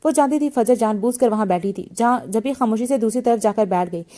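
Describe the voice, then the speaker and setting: A woman reads a romance novel aloud, doing every character's lines herself. Her voice sits a little high but sounds soft and mellow. She stumbles often and restarts her words as she goes. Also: fairly quick. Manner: reads all the characters in a lightly shifted voice, with frequent slips and restarts. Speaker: novel reader.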